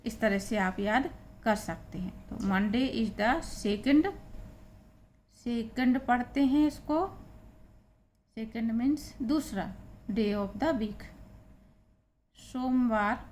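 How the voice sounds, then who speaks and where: Woman teacher, talks real slow, spells stuff out, faint hum behind. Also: fairly high pitch. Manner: spells out letters and repeats words slowly. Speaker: English teacher. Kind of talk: slow, patient spoken lesson.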